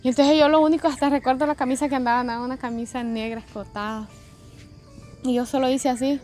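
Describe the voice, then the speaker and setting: A woman's voice: high-pitched, fairly even intonation, fast talker, darkish tone, faint music behind. A woman telling a personal faith testimony in a conversational, reflective way, often adding tag questions. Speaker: testimony vlogger.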